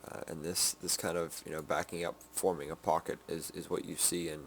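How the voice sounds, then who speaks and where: A sleepy man giving a casual game development update, halting with many ums and restarts. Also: low voice, level tone, a little hiss or hum. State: sleepy, yawning.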